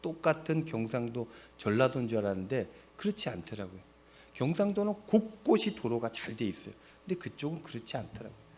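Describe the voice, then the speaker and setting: This Korean pastor is middle-aged and from Seoul, and his mid-range voice sounds very animated, brisk, and a little mellow, with a faint hiss or hum on the recording. His sermon is conversational, full of questions he puts to the congregation and then answers. Now and then he laughs at his own jokes.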